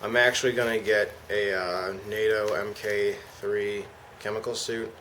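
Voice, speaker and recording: A man's voice: fairly low pitch, little pitch movement, measured pace, fairly bright tone. Casual man reviewing gear over noise. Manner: informal, slangy. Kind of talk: casual product demonstration. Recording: clear background noise.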